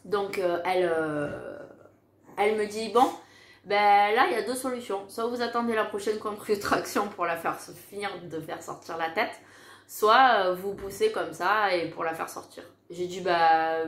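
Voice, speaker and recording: A woman telling a personal story in a casual, animated way, acting out the dialogue she recounts. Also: medium pitch, measured pace. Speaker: mother telling her birth story. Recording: roomy echo.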